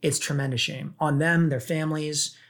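A woman who was adopted from South Korea, telling a personal story as a guest in casual conversation, earnest and halting with many fillers. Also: deep voice, steady tone.

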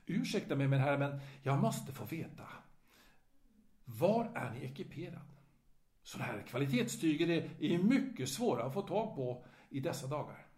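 A man voicing an overly polite, inquisitive older gentleman who co-owns a restaurant. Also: fairly high pitch, very animated. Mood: prying. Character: fussy elderly male restaurant co-owner. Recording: roomy echo.

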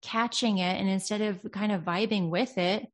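An earnest woman in a relaxed podcast-style chat, talking through emotional healing with a reflective, searching tone. She often slows down to stress a point and acts out little quoted voices as she goes. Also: medium pitch. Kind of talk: casual self-help chat.

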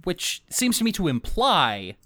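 A man's voice: sits high, huge pitch swings, unhurried, a bit bright. A man hosting a casual podcast, talking enthusiastically and at length with laughing asides. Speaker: podcast host this week.

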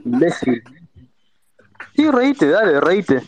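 High-voiced aggressive Rioplatense man. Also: very animated, slow, darkish tone. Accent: Rioplatense Spanish. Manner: aggressive, insulting. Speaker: caller in an audio space. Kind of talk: insulting rant.

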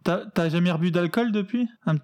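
A man hosts a casual interview, asking relaxed, probing follow-up questions. His voice sits a little high for a man. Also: brisk, smooth. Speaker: interviewer host.

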